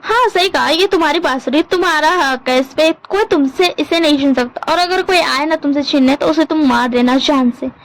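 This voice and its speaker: A teasing, easily offended young man who whines and overreacts, as a woman puts him on. His voice sits high and his complaints come out dramatic and petulant. He is a figure told in a spoken story. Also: moderate pace, hardly any pauses, rough recording. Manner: whiny, dramatic.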